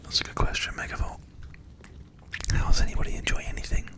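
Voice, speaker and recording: A streamer speaking in a soft ASMR whisper, chatting casually to viewers one by one on a livestream. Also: brisk.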